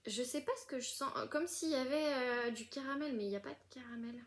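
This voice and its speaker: Chatty young woman, slightly high voice. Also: brisk. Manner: chatty, many fillers and restarts, gushing. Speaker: book vlogger. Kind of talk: casual unboxing chat.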